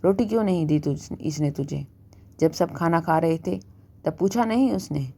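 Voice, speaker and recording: A woman's voice: low-pitched, moderate pace, creaky, mellow. A woman as a scolding, scheming mother. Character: sharp-tongued middle-aged mother, scolding and scheming.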